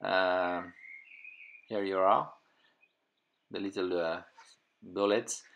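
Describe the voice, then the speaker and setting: His voice is low, creaky and fairly bright, with fairly even intonation and a very slow pace, and a little hiss or hum sits under the audio. The speaker is a middle-aged Frenchman, native in French, reviewing a toy in casual accented English with many fillers and restarts as he looks for words. The setting is an indoor room filled with figures and display cases.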